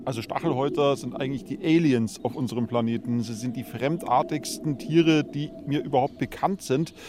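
A man's voice: mid-range voice, brisk, background noise. A man speaking as an expert in an interview, explaining vividly and with fascination.

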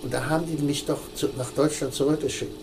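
An older man telling a personal story in an interview, halting, with many restarts and fillers. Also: on the high side, fairly even intonation, noisy background.

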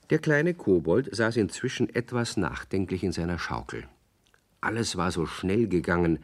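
Low-voiced man narrating a children's story.

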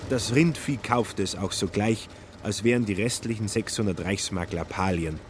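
Calm, low male narrator. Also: moderate pace, very noisy. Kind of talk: literary radio reading.

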